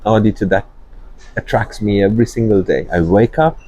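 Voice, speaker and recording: A man from Sri Lanka, with a fairly low voice, talks as an interview guest. He speaks earnestly and warmly, pausing on frequent fillers and restarts. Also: slightly rough, dry recording, rough recording. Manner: warm, earnest, many fillers. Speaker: guest, company executive. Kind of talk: interview conversation.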